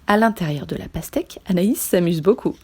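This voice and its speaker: A French woman reading a children's picture book aloud with lively, expressive storytelling. She paces the tale for young listeners, leaning into its funny moments. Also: fairly low pitch, fairly quick, breathy edge. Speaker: after-school childcare worker.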